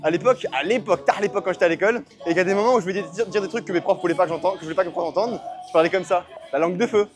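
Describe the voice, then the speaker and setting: Over background music, this young powerlifter talks in a high voice, very fast and with few pauses. Exhausted from a long workout, he rambles chattily through his gym vlog, self-correcting as he goes.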